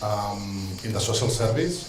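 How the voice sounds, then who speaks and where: A Catalan street social educator speaks English with a Catalan-Spanish accent, reading from notes in a hesitant, earnest talk full of ums, restarts and warm asides. His voice sits on the low side, animated and a little slow. The audio is poor and roomy, with music underneath.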